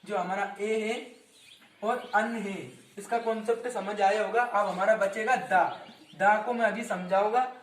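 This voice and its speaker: Steady in tone and a little slow, a high-voiced young man teaches a grammar lesson in Hindi, repeating words, quizzing his students, and often correcting his own mistakes. He stands far from the mic, leaving a roomy echo and faint background noise.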